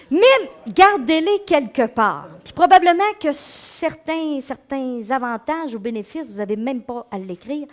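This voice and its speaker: A middle-aged woman with a Québécois accent delivers a talk on action and motivation in a high, bright voice. Her pitch swoops widely as she teases the audience and mimics their excuses. The delivery is expressive and conversational. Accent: Québécois French. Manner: animated, acts out inner voices, laughs with the audience. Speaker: psychologist and speaker giving a talk. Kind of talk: lively lecture to an audience.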